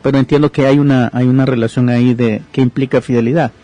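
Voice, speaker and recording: Speaking at medium pitch with a steady, mellow tone, a man talks fast as he gives pastoral counsel on a podcast. He teaches conversationally about forgiveness, retelling and reading a parable aloud, reading verses and adding explanatory asides.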